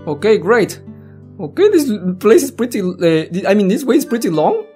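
Over game music featuring plucked guitar, a giggly let's-play host speaks at a moderate pace in a medium-pitched voice. Lively and casual, the host reads game text aloud while interjecting personal reactions.

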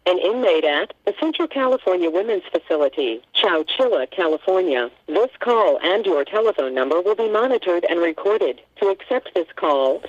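A recorded automated announcement played over a prison phone line, in a flat, formal manner. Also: mid-range voice, no echo. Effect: recorded message played over a prison phone line.

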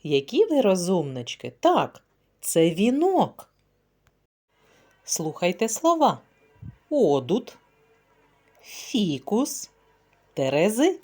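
A woman's voice: medium pitch, wildly swooping pitch, slow, pauses often, darkish tone, soft background music. A woman kindergarten teacher leading a phonics word game for young children, speaking in a sing-song, encouraging way.

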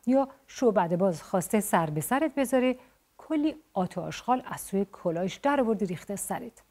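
A woman's voice: mid-range voice, lively intonation, darkish tone, natural voice. A woman voicing a blunt, spirited short-haired tomboy girl in a told storybook tale. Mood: lively chatty. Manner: blunt, quick-tempered, then chatty.

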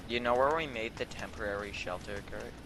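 A man's voice: lowish voice, brisk, background noise. A man chatting casually while gaming, dry and blunt, swearing casually. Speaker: gamer.

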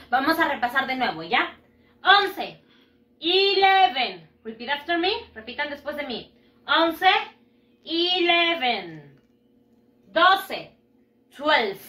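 A woman teaching English numbers to young children. She says each word slowly, repeats it and praises the class often. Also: sits high, pushed and bright. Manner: slow, drawn-out modelling of English words. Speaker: primary school English teacher. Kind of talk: recorded online lesson for children. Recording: roomy echo.

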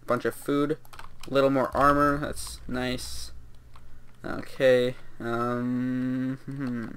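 A man's voice: mid-range voice, little pitch movement, drawn-out words, a bit bright, slight background noise. A young man giving casual, rambling commentary while playing a video game, with lots of fillers and laughter. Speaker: gameplay commentator.

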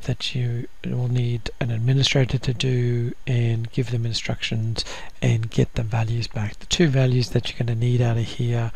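A man talks through a software setup one step at a time, his voice gravelly with a flat, level pitch. He hesitates often with ums and uhs, in the unhurried way of a screen-recorded lesson. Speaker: software instructor.

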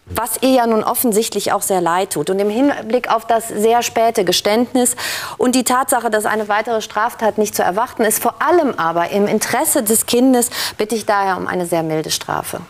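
A woman's voice: mid-range voice, normal speed. A woman in her forties speaking as a defence lawyer, delivering an emphatic, persuasive plea to the court. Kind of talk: formal courtroom closing plea. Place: indoor TV studio courtroom.

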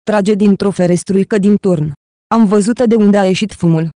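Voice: medium pitch, mellow, no room sound, studio quality, natural voice. A reader voicing an earnest local policeman in an audiobook, giving warnings. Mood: urgent.

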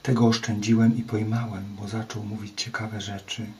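Male reader playing a brisk scout, matter-of-fact, low and flat. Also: slight background noise, natural voice. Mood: reporting. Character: male scout reporting to his chief.

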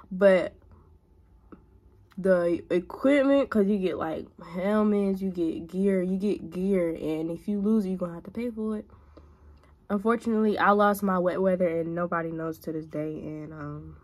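Chatting casually to a phone camera at arm's length, this twenty-something vlogger gives frank big-sister advice as she applies makeup in a small bedroom. She has a mid-range voice and keeps a moderate pace.

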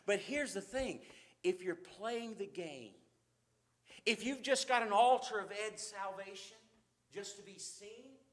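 A man preaching a sermon in a church, fervent, swinging from loud emphasis to quiet asides. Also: high voice, measured pace.

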